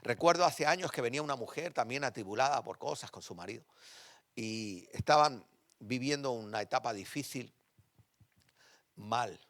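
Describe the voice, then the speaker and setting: A man preaching a sermon in a church, telling personal stories with animated emphasis that drops to quiet, intimate tones. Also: mid-range voice, moderate pace, no echo, studio quality. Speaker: pastor.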